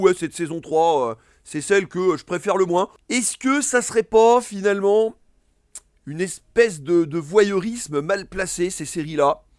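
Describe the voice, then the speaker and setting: Guy chatting about movies, kinda high voice, lots of euhs and restarts. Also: dry recording, clean studio sound. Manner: rambling, many fillers and restarts. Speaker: film reviewer. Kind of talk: casual film review monologue.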